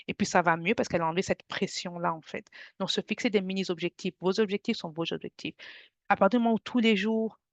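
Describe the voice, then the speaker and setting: A woman's voice: mid-range voice, gravelly, no room sound. A woman leading a parenting workshop webinar over a video call, talking in a hesitant way and often repeating words. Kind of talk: webinar presentation. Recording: dull lo-fi video call audio.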